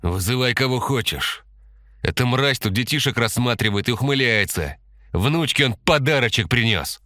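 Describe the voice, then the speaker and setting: A man voicing a hot-tempered young man who shouts coarse threats in an audiobook. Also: medium pitch, animated, moderate pace, no room sound, clean studio sound, pitched above the performer's own voice. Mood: furious.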